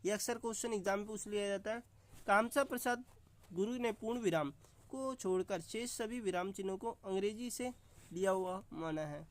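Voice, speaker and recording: A man's voice: high-pitched, normal speed. A man teaching an online exam-prep lesson, calling his viewers friends and explaining with examples.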